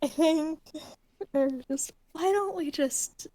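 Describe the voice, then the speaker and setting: A woman's voice: high voice, takes it slowly, mellow. A woman chatting casually as a player in a tabletop role-playing game.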